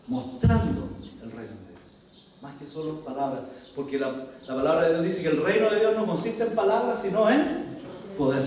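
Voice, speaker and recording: A man preaches a sermon with a high-pitched voice, reading scripture aloud and asking the congregation questions. He is recorded from far off in a church hall with strong echo and a long reverb tail. There is a faint hiss underneath. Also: darkish tone. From Chile. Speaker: pastor.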